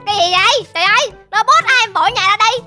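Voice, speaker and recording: A woman chats while she plays a game with a friend. Her voice is very high, bright and quick. She is excitable and keeps breaking into exclamations, with faint music behind her. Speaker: co-player.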